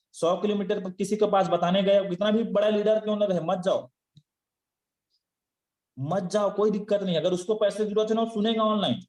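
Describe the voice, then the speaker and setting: High-voiced man lecturing in an echoey room. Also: a little mellow. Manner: scolding, rhetorical questions, chuckling asides. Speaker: network marketing trainer. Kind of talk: motivational training talk.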